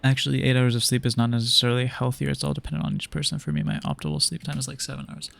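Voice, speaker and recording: A young man with a gravelly edge to his mid-pitched voice rambles to his viewers while gaming at home. He talks in a loose, laid-back way, trailing off and restarting often. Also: level tone, rapid-fire, a bit bright. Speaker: streamer. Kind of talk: casual chat while gaming.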